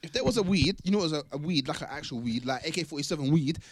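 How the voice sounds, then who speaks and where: A man's voice: on the high side, very fast, husky, dry recording. A young man with a London roadman accent and heavy slang, bantering casually with friends and repeating his phrases insistently. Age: young adult. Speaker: podcast panellist. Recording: lively chatter of a group behind. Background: group of friends talking over each other.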